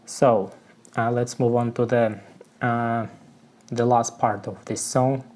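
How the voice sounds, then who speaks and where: A man with a Russian accent, a native Russian speaker explaining English phrases from song lyrics, searching for words and filling pauses with "you know". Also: medium pitch, little pitch movement, darkish tone. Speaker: English learning vlogger.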